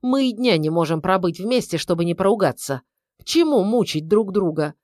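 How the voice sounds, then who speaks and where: A woman's voice: on the low side, animated, normal speed, a little mellow, dry recording, clean studio sound, lightly acted. A woman voicing a sarcastic, irritable middle-aged husband who grumbles. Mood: weary firm.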